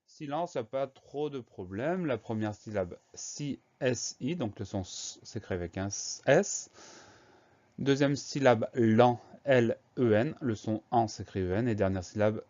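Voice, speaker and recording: A man's voice: medium pitch, expressive, measured pace, a little mellow, dull audio. Patient male teacher spelling words aloud. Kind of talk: spelling lesson.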